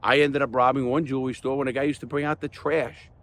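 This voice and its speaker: The host of a crime stories channel, an older man, speaks unscripted to his viewers in an earnest, emphatic, plain-spoken way, repeating points to drive them home. His medium-pitched voice is level and a bit bright, moving quickly, with slight background noise.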